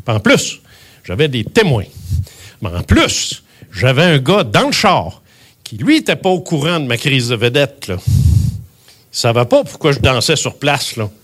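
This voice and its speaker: Animated older Québécois man telling a story. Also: medium pitch, unhurried. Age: 70s. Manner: emphatic, animated, swears often. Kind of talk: personal storytelling.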